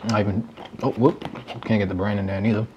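Young guy vlogging, kinda low voice, munching cereal and joking around, faint hiss behind. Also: flat delivery, fast talker, lo-fi sound. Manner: casual, wry, talks while eating cereal. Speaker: YouTuber. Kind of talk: casual vlog commentary.

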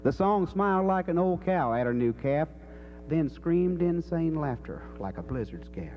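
Mellow cowboy drawl, middle-aged man. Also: fairly high pitch, lively intonation, moderate pace, low-quality recording. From Kansas. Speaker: cowboy poet. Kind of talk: live cowboy poetry recitation with spoken introduction. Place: dark indoor stage. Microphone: stage microphone on a stand. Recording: faint noise and hum.

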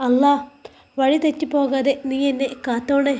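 A soft, pleading young woman with a Malappuram Malayalam accent, as a woman storyteller puts her on. Her voice sits high and light. She sounds tired and gentle, like a storybook heroine. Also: flat delivery, moderate pace, lightly acted. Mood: flustered.

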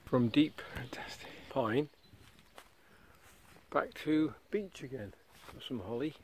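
A man's voice: mid-range voice, lively intonation, slow pace, a little hiss or hum. A middle-aged man, chatting casually on a forest hike and pointing out what he sees with plenty of enthusiasm. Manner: enthusiastic, rambling, points things out on a walk. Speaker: vlogger. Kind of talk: casual outdoor narration. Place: forest, outdoors. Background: birdsong and forest ambience.

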